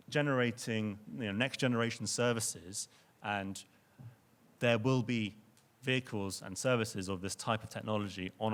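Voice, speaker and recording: A man's voice: lowish voice, fairly bright tone. A young man giving a conference presentation to an audience in a lecture venue, speaking earnestly and often restarting or repeating words.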